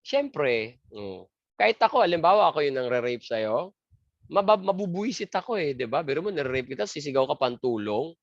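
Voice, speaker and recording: A man's voice: a little high, sing-song, normal speed, creaky, no echo. Crude joking man lecturing. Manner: joking, crude, asks and answers his own questions. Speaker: review lecturer. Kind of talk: exam review lecture. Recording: dry, muffled lo-fi lecture audio.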